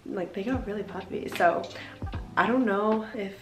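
A young woman vlogger talks casually to the camera while recovering from wisdom teeth removal. Her voice sits at a middle pitch. It is recorded indoors at home with noticeable room echo, and music plays behind her. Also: normal speed. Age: young adult. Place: indoors at home, bedroom and kitchen.

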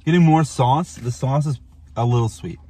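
A man's voice: mid-range voice, moderate pace, breathy edge. A man reviewing pizza in casual, frank chat with a mouth full of pizza, talking inside a car. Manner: relaxed, frank, filler-heavy talk.

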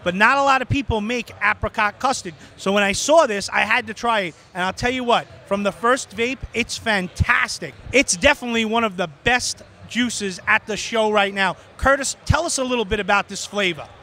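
A man with a Brooklyn accent and a high, forceful voice interviews people in a brash, emphatic, chummy style. He sounds middle-aged and speaks over clear convention floor noise. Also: normal speed, hardly any pauses. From New York. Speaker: show host and reviewer. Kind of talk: trade show interview, casual chat. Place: trade show floor booth indoors. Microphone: handheld microphone. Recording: noisy convention hall.

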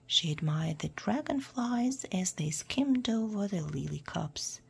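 A woman reading a children's storybook aloud in a hushed, half-whispered way. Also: mid-range voice, animated, unhurried, creaky, husky. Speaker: storyteller for English learners.

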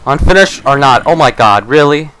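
A young man commentating his game play, loud, swearing and exasperated at what happens on screen. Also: mid-range voice, expressive, normal speed. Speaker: gaming video host. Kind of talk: profane Let's Play commentary. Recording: noticeable background noise.

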